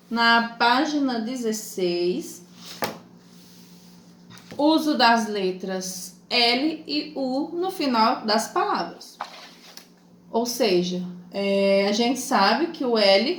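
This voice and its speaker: A Brazilian woman teacher giving a lesson to children, talking slowly and patiently, spelling out letters and syllables. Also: a little high. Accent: Brazilian Portuguese. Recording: echoey room with faint noise.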